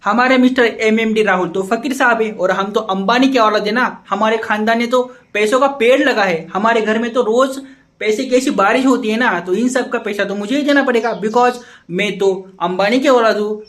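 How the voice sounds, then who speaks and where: A man's voice: sits high, moderate pace, fairly bright tone. A man playing a frustrated young boyfriend who rants and badgers his friend with repeated questions in a comedy sketch. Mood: ranting. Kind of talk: Hindi comedy sketch dialogue.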